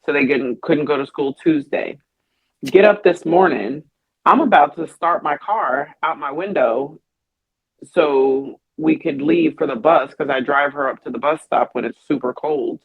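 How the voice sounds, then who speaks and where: A woman co-hosting a podcast in casual chat, telling stories in an animated way with a husky voice. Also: low-pitched, a little slow, phone-quality sound. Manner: animated storyteller. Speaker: podcast co-host.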